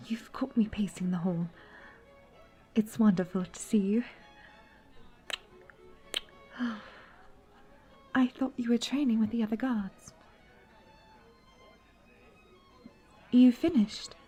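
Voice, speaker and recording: In a fantasy romance audio roleplay, a woman voices a gentle, troubled young princess, speaking softly and intimately in courtly, old-fashioned language. Her medium-pitched voice is slightly rough, and she sounds relieved yet hesitant. Music plays in the background.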